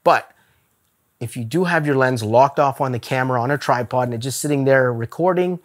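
Talking casually to camera for a gear review vlog, a man with a mid-range voice moves at a fairly quick pace. He's candid and chatty, laughing now and then, picked up by a camera-mounted mic on a zoom lens.

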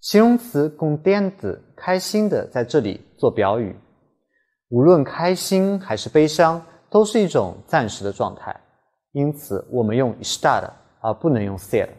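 Male language teacher, scripted lesson read; animated intonation, slightly raspy tone, careful pronunciation drills. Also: on the high side. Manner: careful, slows down to model pronunciation.

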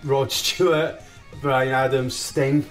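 A man's voice: mid-range voice, steady tone, takes it slowly, recorded from a distance, faint music behind. A man in his thirties, a guest musician in a casual interview, speaking hesitantly with many ums and easy laughs. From England and Scotland. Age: 30s. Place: small home studio. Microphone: desk microphone.

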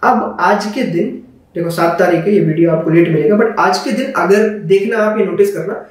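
A man's voice: high voice, normal speed. A man explaining his trading plan over charts in a conversational teaching manner, often asking rhetorical questions. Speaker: trading educator. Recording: very echoey room, mic at a distance.

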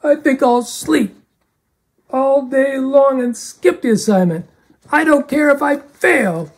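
Lady voicing a whiny discouraged kid stuck in bed, drags every word, high pitched. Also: slow pace. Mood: frustrated.

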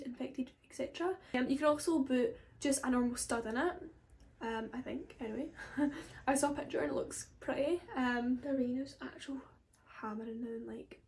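A woman's voice: sits high, a little mellow. A woman, chatting casually to camera as a vlogger, rambling with frequent asides. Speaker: beauty vlogger.

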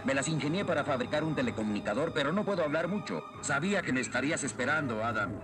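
A man's voice: medium pitch, lively intonation, fast talker, close to an everyday voice. A man voicing a steadfast, wry middle-aged warrior inventor in a Latin American Spanish cartoon dub. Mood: urgent. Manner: firm, defiant.

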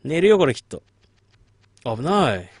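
A man's voice: fairly high pitch, very animated, a little slow, husky, no room sound. Rambling man chatting while gaming. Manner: rambling, mutters reactions to the game. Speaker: game streamer. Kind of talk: late-night casual chat while gaming.

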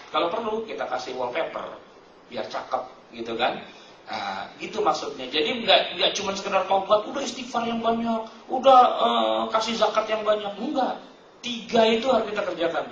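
A man preaches in a loose, joking way and keeps calling his listeners "Pak". His voice sits a little high. The sound is dull and comes from a distant mic in an echoey hall. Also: a bit bright, slight background noise. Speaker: Islamic preacher. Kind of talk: informal sermon. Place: mosque hall.

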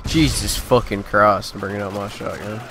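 A man's voice: lowish voice, fairly even intonation, moderate pace, very noisy. Cursing, frustrated gamer man. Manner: swearing, frustrated, ranting at opponents. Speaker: gaming video creator. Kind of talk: gameplay commentary. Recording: game gunfire loud behind voice. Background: loud gunfire and explosions from the game.

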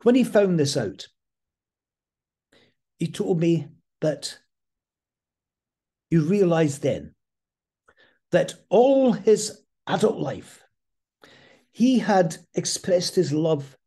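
A man slowly and thoughtfully telling an earnest personal story from his past. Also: on the high side, dark tone, slightly rough.

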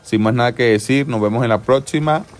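A man's voice: medium pitch, brisk. Methodical man explaining engine repair. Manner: methodical, repeats key steps; self-corrects mid-sentence. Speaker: car mechanic, channel host. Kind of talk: instructional how-to narration.

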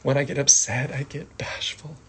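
A man teaching a casual sign language lesson, speaking softly and acting out short example phrases. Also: mid-range voice, fairly even intonation, slight background noise. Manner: slow, soft-spoken, acts out example phrases.

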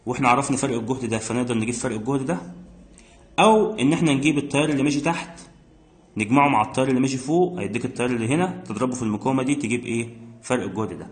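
Working exam problems in physics step by step, a man with an Egyptian Arabic accent speaks very fast in a medium-pitched voice. He keeps asking questions and answering them himself. There's a roomy echo to the audio.

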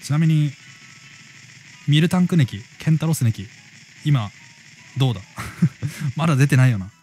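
Lively high-voiced man chatting on stream. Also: faint music behind, poor audio. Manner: chatty, quick reactions to comments. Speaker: game live streamer. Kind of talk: casual live-stream chat, reading viewer comments aloud. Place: room at home near neighbors.

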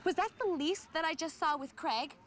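A woman's voice: sits high, normal speed, a little hiss or hum, natural voice. A woman playing a bossy, sarcastic teen girl. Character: bossy, demanding teenage girl. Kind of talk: 1990s sitcom acting.

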